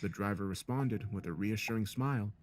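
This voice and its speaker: A man reading a first-person horror story as narrator in a steady, measured way. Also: on the low side, slight background noise. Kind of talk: scripted narration.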